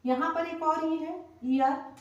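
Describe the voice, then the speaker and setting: A woman teaching pronunciation in a slow, patient way, spelling each word out letter by letter and saying it again. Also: very high-pitched, steady tone, distant mic, dull audio. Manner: patient, spells words letter by letter and repeats them. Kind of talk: slow spoken lesson. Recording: very echoey room, voice from off the mic.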